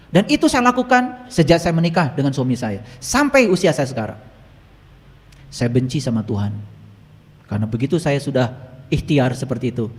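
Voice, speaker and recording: Man preaching in a reverberant hall. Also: mid-range voice. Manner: storytelling, swings from loud exclamations to hushed asides. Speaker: spiritual teacher. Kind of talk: motivational spiritual talk.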